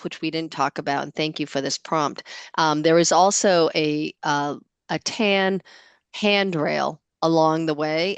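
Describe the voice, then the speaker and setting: A woman co-presenting a webinar over a video call, explaining things earnestly with soft fillers. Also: low voice, clean tone, dry recording. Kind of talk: informative webinar talk.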